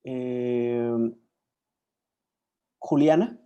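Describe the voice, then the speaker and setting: Warm-voiced man hosting a video call. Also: medium pitch, fairly even intonation, extremely slow, clean tone, muffled recording. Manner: hesitant, often searching for words and names. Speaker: moderator. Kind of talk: casual online session hosting.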